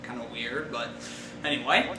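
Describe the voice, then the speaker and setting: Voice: mid-range voice, moderate pace, a loud crowd. A movie reviewer chatting casually and hesitantly, with many ums and fillers. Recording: roomy distant mic with music.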